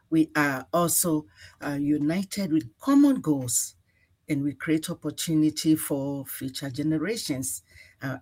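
A woman in her sixties from Ghana, answering radio interview questions in an earnest, measured way with frequent fillers. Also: low voice. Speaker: executive director, guest.

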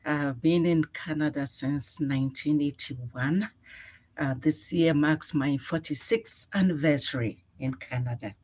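Low-voiced woman from Ghana. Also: darkish tone. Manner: earnest, measured, with frequent uh fillers. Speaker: executive director, guest. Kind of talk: radio interview answers.

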